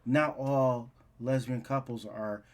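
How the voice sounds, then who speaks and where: A man at a middle pitch hosting a casual podcast debate. He talks in a measured, hedging way, circling back to soften his points. The mood is loose and conversational. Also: steady tone, a loud crowd. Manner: measured, hedging, keeps repeating "I'm just saying". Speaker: podcast host.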